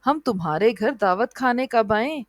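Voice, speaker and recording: A woman's voice: fairly high pitch, lively intonation, a little slow, dry recording. A woman voicing a small, clever male animal hero who scolds and taunts boldly in a storybook tale. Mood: taunting. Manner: bold, scolding and defiant.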